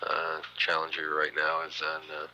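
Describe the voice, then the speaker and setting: A man giving matter-of-fact mission control status commentary, halting often with uhs and pauses, on an archival radio feed. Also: very deep voice, completely flat delivery, sharp tone, slight background noise, low-quality recording. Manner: halting, hesitant delivery with frequent uhs and pauses. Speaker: mission control announcer, public affairs commentator. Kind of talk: spaceflight status commentary, partly improvised.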